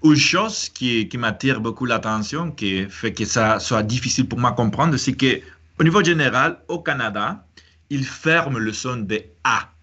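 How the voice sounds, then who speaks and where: A native Spanish speaker hosts a casual chat in French with a Spanish accent, often hesitating, restarting and using fillers. His mid-range voice is expressive, bright, forceful and husky, at a moderate pace, with the highs cut off.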